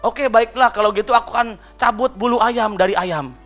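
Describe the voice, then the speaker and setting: Man playing sickly old emperor, slow and feeble, high bright voice. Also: dull audio, soft background music. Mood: announcing. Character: sick, weary old emperor, soft-spoken.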